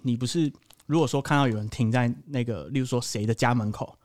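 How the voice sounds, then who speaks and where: A man's voice: mid-range voice, quick pace. A young man with a Taiwanese Mandarin accent hosting a podcast, telling stories in casual chat full of swearing. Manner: profane, animated storytelling. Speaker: podcast host.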